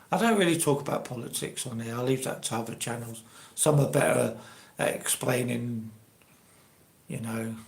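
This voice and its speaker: Hosting a live stream, a man in his sixties from England chats in a casual, rambling, conversational way with an English accent. His mid-range voice is creaky, and the stream sounds roomy and echoey.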